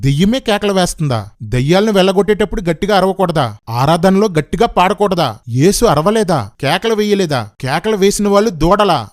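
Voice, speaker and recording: A male pastor with a slightly high voice delivers a combative rebuttal sermon. He scolds and mocks his opponents. He hammers them with rhetorical questions. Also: a little fast.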